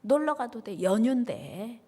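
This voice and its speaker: A woman's voice: on the high side, animated, a little slow, mellow, husky. A woman voicing a sly, persuasive devil who coaxes in nagging repetitions. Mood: coaxing.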